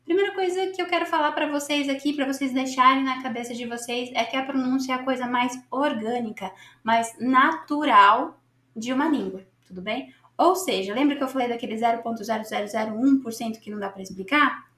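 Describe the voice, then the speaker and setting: Chatty Brazilian woman teacher, high voice. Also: a little fast, pushed and bright, roomy sound. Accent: Brazilian Portuguese. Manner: chatty, encouraging, keeps asking "tudo bem?". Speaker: English teacher. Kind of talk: casual online English lesson.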